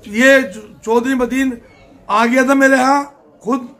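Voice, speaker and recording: An older man answers interview questions in a plain, emphatic way, often saying a point twice. His voice sits high for a man. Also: fairly even intonation, measured pace, sharp tone. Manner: plain-spoken, emphatic, repeats himself. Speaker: political candidate.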